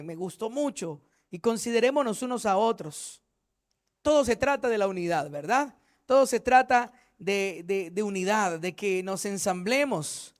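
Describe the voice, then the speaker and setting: Male pastor, very high voice, fervent sermon delivery. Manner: fervent preaching, acts out quoted church members. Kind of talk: Bible study sermon.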